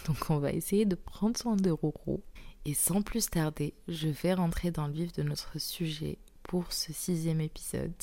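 A young woman hosting an intimate solo podcast while sick with tonsillitis, speaking softly through a very sore throat and often slipping into a breathy near-whisper. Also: low-pitched, steady tone, unhurried. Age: young adult. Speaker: podcast host.

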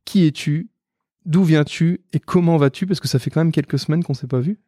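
A man hosting an interview in a relaxed chatty way, asking open questions. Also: fairly high pitch, fairly quick, no echo, studio quality. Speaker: podcast host. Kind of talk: casual interview chat.

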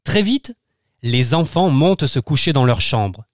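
Male narrator for a kids' storybook podcast, animated and expressive. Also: mid-range voice, measured pace, no room sound, studio quality. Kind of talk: children's bedtime story narration.

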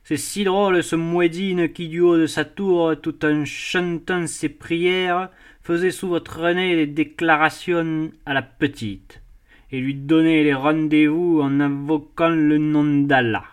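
A man's voice: on the high side, flat delivery, takes it slowly, clean tone. A man voicing a jovial, mocking middle-aged sea captain who teases and laughs as he talks. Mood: mocking amused.

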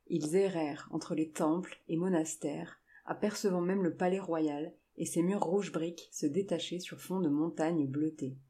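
A woman reading a novel aloud in measured, even scripted narration. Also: fairly low pitch.

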